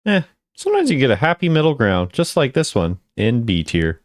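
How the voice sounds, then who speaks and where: Here a man offers loose, conversational commentary while rating game voice lines for his video audience. His mid-range voice swings hugely in pitch at a fairly quick clip, captured dry and at studio quality.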